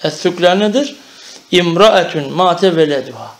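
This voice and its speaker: High-voiced man teaching a grammar lesson. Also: expressive, normal speed. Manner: explains step by step, often checks with "Tamam? Anlaşıldı?".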